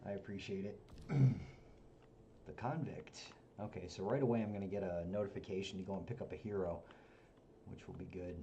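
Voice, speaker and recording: A man hosting a game stream, chatting casually and jokingly, often halting with fillers. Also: low voice, mellow, lo-fi sound, slight background noise. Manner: joking, halting, many uhs. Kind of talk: casual chat while playing.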